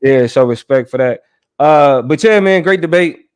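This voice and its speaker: A man's voice: on the high side, moderate pace, darkish tone, clean tone. A man hosting a casual debate recap, talking conversationally and often checking in with "right?" and "you know what I mean". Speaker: show host.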